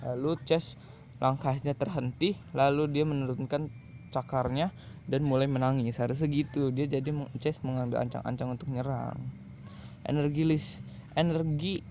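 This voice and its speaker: A man's voice: medium pitch, steady tone, moderate pace, warm tone, slight background noise. A man with an Indonesian accent reading fan fiction aloud casually, breaking off into slangy asides. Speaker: story reader.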